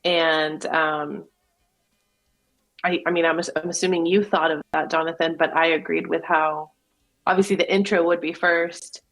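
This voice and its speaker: Low-voiced woman singer being interviewed. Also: flat delivery, moderate pace, a bit bright, poor audio. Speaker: singer guest. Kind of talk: casual radio interview.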